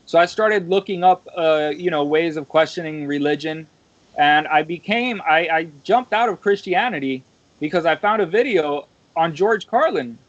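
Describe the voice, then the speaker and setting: A man's voice: on the high side, moderate pace, no room sound. A man in his twenties talking casually on a podcast, rambling and checking in with "right?" and dropping the odd swear word. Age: 20s. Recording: dull, dry lo-fi audio.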